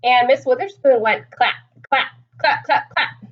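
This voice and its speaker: A woman with a high-pitched voice reads a picture book a little slowly to a group of young children she teaches, explaining with expression and quizzing them as she goes. The highs in the recording are cut off.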